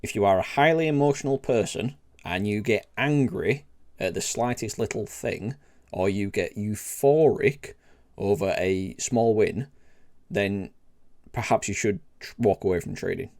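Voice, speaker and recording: Unhurried and a little mellow, a middle-aged man with a lowish voice and an old Yorkshire accent hosts a trading tips video series. Addressing the camera informally, he's blunt and plain, regularly checking in with "right?" and "okay?"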